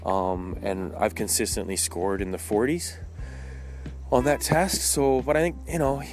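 A man's voice: fairly low pitch, fairly even intonation, measured pace, a little mellow, soft background music. A man talking while walking outdoors, giving a candid, rambling personal monologue in a casual way with frequent false starts. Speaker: podcast host. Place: outdoors in the woods, on a walk.

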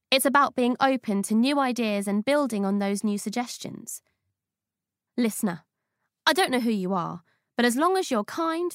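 A woman's voice: on the high side, dry recording, studio quality. A woman reading her essay aloud for an audiobook, in a playful, witty and slangy manner.

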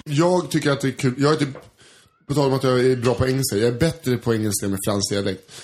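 A man's voice: medium pitch, fairly even intonation, music in the background. A man in casual podcast chat, playful and joking, slipping into mock accents. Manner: playful, puts on mock French-accented English.

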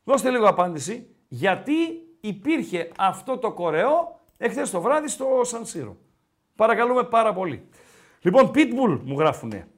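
A man hosts a relaxed football chat show. His voice sits high and swings widely as he talks, and he often repeats his own phrases. He reads viewer messages aloud in an animated, chatty way. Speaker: podcast host.

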